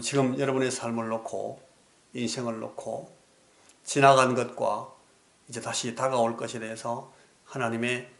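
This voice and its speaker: Male pastor giving a sermon, mid-pitched voice, goes quiet and pleading then picks up, roomy church echo. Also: creaky. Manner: earnest preaching that drops to soft pleading, then rises in anecdotes. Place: church sanctuary.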